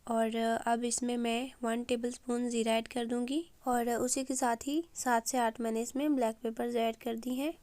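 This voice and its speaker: Hoarse woman, cooking voice-over, fairly high voice, flat steady delivery, dry close sound. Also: no room sound. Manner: calm, step-by-step with frequent "uh" pauses. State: sore throat, hoarse. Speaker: cooking channel host. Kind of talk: recipe voice-over.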